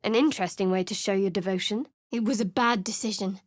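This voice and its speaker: Shadowheart, an actress voicing a sardonic cleric. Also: female voice, medium pitch, quick pace, dry recording, natural voice. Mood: dry. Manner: dry, cool and sardonic. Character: guarded, sardonic young female cleric. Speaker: game character voice actor. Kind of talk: video game voice lines. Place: dry recording booth. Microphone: close studio microphone.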